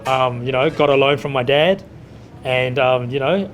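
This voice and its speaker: Mid-range and unhurried, this man's voice comes with faint music behind it. He's a chef and restaurant owner in his thirties with a New Zealand accent, informally recounting his story in an interview and frequently dropping "you know".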